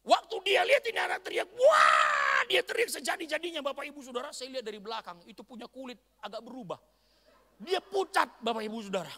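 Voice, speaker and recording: Lively bright-voiced preacher guy from north sumatra, big swings in pitch, church hall echo. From Batak, North Sumatra, Indonesia. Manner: animated storytelling, bursts into shouts and laughter. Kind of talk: storytelling sermon. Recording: long church-hall reverb.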